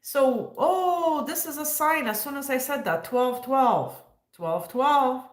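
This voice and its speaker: A woman's voice: high voice, animated, slow pace, echoey room. Joking, laughing woman in her fifties. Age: 50s. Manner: joking, sarcastic, laughs often. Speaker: livestream host. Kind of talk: casual livestream chat.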